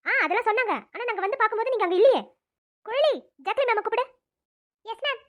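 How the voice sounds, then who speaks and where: A nurse, fussing camp teachers and schoolgirls in a cartoon drama. The voice is very high and quick, with a flustered edge. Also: fairly bright tone.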